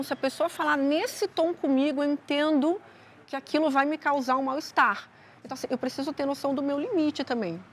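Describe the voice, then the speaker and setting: Brazilian woman guest therapist, high voice, calm explainer, faint music behind. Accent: Brazilian Portuguese. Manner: calm, explanatory, frequent tag questions. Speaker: psychologist guest. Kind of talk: TV talk show advice.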